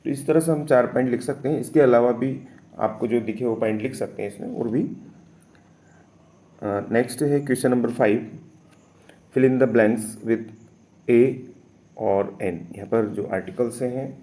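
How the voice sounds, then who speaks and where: Slow, mellow-voiced male teacher. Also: mid-range voice. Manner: slow, patient step-by-step explaining with fillers. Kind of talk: explaining an English test paper in Hindi.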